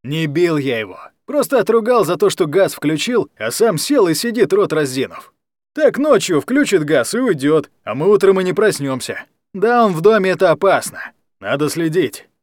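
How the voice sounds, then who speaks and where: A man doing a gruff, sneering bully of a guardian. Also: a little high, big pitch swings, moderate pace, no room sound, pitched above the performer's own voice. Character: coarse mocking male guardian, bullying.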